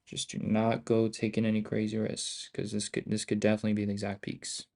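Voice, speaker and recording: A man giving casual live trading commentary as a streamer, in loud, cocky, slangy finance-bro talk full of swearing and bro and dude. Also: lowish voice, monotone, brisk, creaky. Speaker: day trader hosting a live stream.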